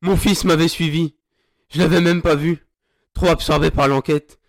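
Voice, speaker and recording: A man's voice: on the high side, fairly even intonation, moderate pace, natural voice. A man playing a furious vengeful sergeant. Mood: anguished. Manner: snarling, taunting, swearing. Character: grieving vengeful male sergeant, furious, crude. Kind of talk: audio drama acting.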